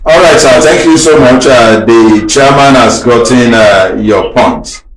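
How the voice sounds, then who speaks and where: A man's voice: medium pitch, unhurried, echoey room, slight background noise, low-quality recording. A man with a Nigerian English accent hosting a radio talk show, politely reading messages and taking calls. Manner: polite, reads out listener messages, takes calls.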